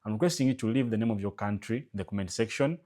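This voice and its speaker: A man's voice: on the low side, rapid-fire, warm tone. A man from Uganda with a Ugandan English accent, giving a casual home-remedy tutorial. He talks emphatically and repeats his calls to subscribe, his voice rising on key words. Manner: repetitive, urging viewers to subscribe. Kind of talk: casual instructional vlog.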